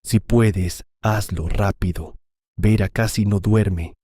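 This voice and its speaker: A man's voice: fairly low pitch, steady tone, slow pace, mellow, slightly rough, no echo, studio quality. A man voicing a worried, blunt teenage son in a storybook.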